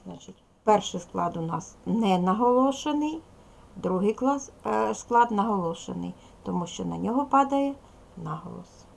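A woman teacher giving a recorded video lesson to young schoolchildren, speaking clearly and patiently. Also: mid-range voice, expressive, slight background noise. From Ukraine. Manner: slow, clear instructional delivery, addressing children.

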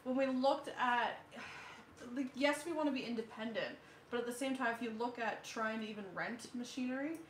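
Homesteading co-host, 30s, chatty explainer, highish voice, echoey living room with faint hiss. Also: female voice, normal speed. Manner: chatty, filler-heavy explainer. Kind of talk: casual group chat. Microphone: far camera.

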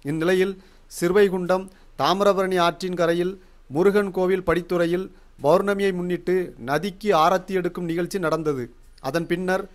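High-voiced Tamil news reader, formal. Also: male voice. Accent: Tamil Nadu. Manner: formal, measured news delivery. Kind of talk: scripted news narration.

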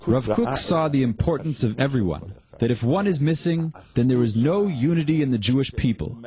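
An older man explains his point in a documentary interview. His pitch swings widely with animation, and he speaks in an explaining way. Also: animated, brisk, dark tone.

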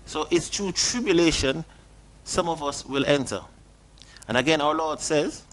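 A middle-aged man delivers a sermon from a small studio desk, reading scripture passages in an earnest voice. He questions his listeners directly and stresses key words by lifting his pitch. He is picked up by a webcam at desk distance. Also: fairly bright tone. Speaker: preacher.

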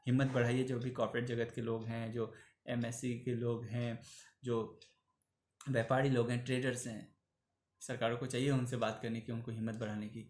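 A man's voice: medium pitch, flat delivery, moderate pace, a little mellow, reverberant. A man in his thirties giving an earnest opinion commentary to camera in a small room, pleading and slipping into English phrases. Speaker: vlogger.

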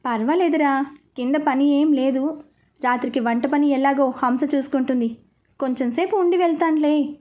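A woman voicing a gentle middle-aged mother who speaks slowly and soothingly. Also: high-pitched, lightly acted.

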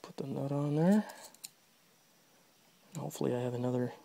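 Fixing an electric fence in a horse barn, a man keeps up casual commentary, speaking to himself and his horses as he goes. His medium-pitched voice is mellow and creaky and runs a little fast. The video creator records it close on a handheld phone from a first-person view.

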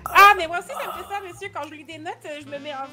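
A woman playing a chatty caregiver in a game role-play, giving quick instructions. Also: very high voice, loud music behind the voice.

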